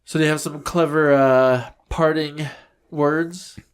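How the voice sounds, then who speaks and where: A man's voice: fairly high pitch, slow, smooth. A man co-hosting a comedy podcast in casual, jokey chat, acting out little scenes as he talks. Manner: animated, jokey, acts out scenes. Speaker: podcast co-host.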